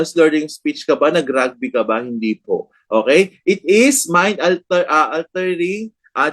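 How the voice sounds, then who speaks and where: A man with a Filipino accent giving a nursing board review lecture, checking in with "no?" and "di ba?" after nearly every point. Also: on the high side. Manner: mixes English terms into Tagalog, tags lines with "no?" and "di ba?".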